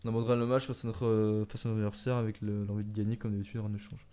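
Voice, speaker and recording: A young man commentating his own soccer video game match, swinging from calm musing to loud excited shouts when the action heats up. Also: lowish voice, rapid-fire, smooth. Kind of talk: excited let's-play commentary.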